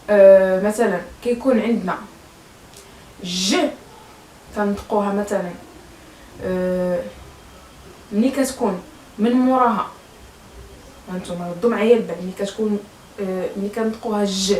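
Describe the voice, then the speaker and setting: A woman's voice: mid-range voice, darkish tone, slight background noise. Moroccan woman teaching, echoey and distant. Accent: Moroccan Arabic. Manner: hesitant, with many fillers and repeated words. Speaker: French teacher. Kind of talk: explaining French pronunciation to learners. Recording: echoey room, voice a bit far from mic.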